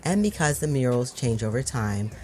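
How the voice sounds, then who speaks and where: Calm scripted travel voiceover, mid pitch, soft music under it. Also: moderate pace. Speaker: vlog narrator. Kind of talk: scripted voice-over narration.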